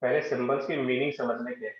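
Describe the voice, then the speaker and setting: A man with an Indian accent teaches a live online physics class, explaining step by step and checking in with his students. His mid-range voice has fairly even intonation and he speaks fast. The recording has an echoey room and a dull, lo-fi sound.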